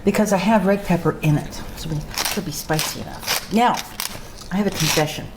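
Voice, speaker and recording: A woman's voice: lowish voice, normal speed, background noise. A woman casually narrating while cooking, talking conversationally as host and repeating phrases for emphasis. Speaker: home cook and show host.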